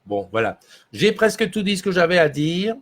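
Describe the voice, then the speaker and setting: A man's voice: high voice, sing-song, moderate pace. Guy doing a loose morning stream from his little studio, chatting away and replying to the chat. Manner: rambling, reads out and answers viewer comments. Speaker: livestream host. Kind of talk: casual morning livestream chat. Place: small home studio.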